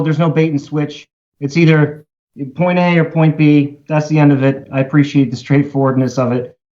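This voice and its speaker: A man from Baltimore, a musician guest on a podcast, telling animated, rambling stories in casual chat. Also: a little high, muffled recording. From Baltimore, USA.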